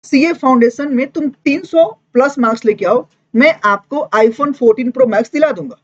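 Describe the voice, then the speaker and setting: A woman's voice: high-pitched, normal speed. A teacher voicing a middle-aged father who firmly promises his daughter a reward, in a dull lo-fi recording.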